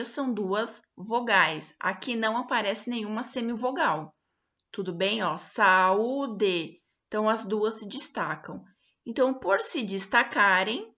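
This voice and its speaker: Slow, patient woman teacher, bright voice. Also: fairly high pitch, creaky, dull audio. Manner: slow, patient, stretches example words out syllable by syllable, frequent check-ins. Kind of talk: remote grammar lesson for pupils.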